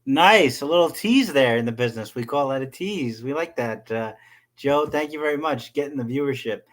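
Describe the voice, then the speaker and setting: A man's voice: medium pitch, moderate pace. A man hosting a casual sports podcast, talking with frequent fillers and restarts. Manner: hesitant, many fillers and restarts. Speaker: podcast host.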